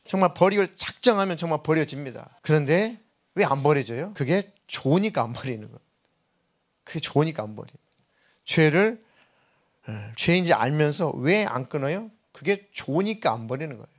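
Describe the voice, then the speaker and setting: Earnest Korean pastor preaching, voice pitched a little high. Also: male voice. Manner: earnest preaching, acts out quoted voices of spirits and himself. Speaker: senior pastor. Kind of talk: sermon.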